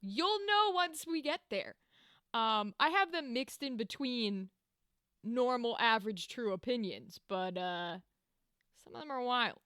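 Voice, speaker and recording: A woman's voice: a little high, animated, measured pace, pushed and bright, smooth, no room sound, studio quality. A young woman co-hosting a podcast, talking bluntly in casual chat, swearing freely and laughing often. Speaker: podcast co-host.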